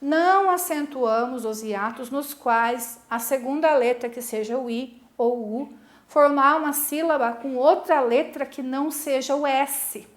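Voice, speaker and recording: A woman's voice: high voice, unhurried. A Brazilian woman teacher giving a video lesson to school pupils, explaining a rule patiently, step by step, and asking the class questions. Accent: Brazilian Portuguese. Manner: calls herself "a prof" in the third person.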